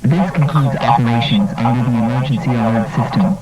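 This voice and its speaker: A man announcing an official emergency alert in a steady, measured tone, his voice muffled as if heard through a door. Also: medium pitch, loud music behind the voice. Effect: muffled and distant, as if heard through a door. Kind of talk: formal scripted alert announcement.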